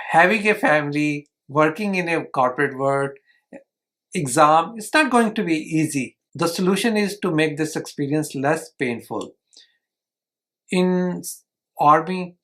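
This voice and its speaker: A man's voice: fairly high pitch, a bit bright. A man, earnestly summarizing a book chapter for his channel and often restarting his phrases. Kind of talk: informal explanatory book summary.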